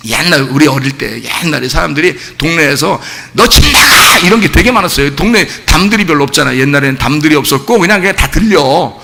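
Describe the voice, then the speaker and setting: A male pastor preaching a sermon, animated, with rhetorical questions, swinging between shouting and low asides. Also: quick pace, vocal fry, hardly any pauses. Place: church sanctuary. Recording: long church-hall reverb.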